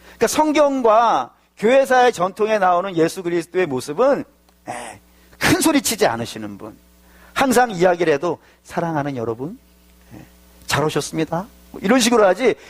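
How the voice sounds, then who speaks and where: Lively, animated Korean pastor preaching. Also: male voice, sits high. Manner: lively, emphatic preaching with sudden loud bursts; explains patiently, asking and answering his own questions. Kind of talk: sermon.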